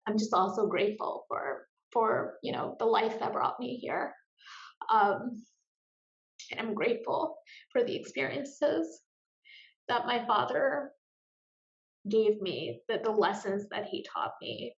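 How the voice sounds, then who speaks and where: A woman speaking earnestly and emotionally as a guest in an interview, with pauses and repeated words. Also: a little high, lively intonation, vocal fry. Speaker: guest, grief support group founder. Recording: roomy, dull lo-fi sound.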